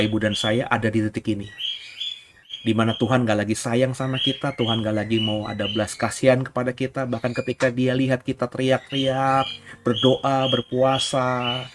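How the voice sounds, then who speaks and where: A man, a pastor giving an emphatic Bible teaching sermon that rises to near-shouts on key points. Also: mid-range voice, noisy background.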